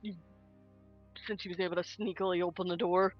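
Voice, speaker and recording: A tabletop game player casually narrating a character's moves in the third person, with deliberate, hesitant phrasing. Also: medium pitch, level tone. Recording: dull audio, music underneath.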